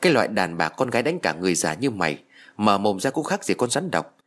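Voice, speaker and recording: A man's voice: very animated, fast talker. A man voicing a spiteful, foul-mouthed old village woman who curses and wails. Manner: shrill, cursing, wailing.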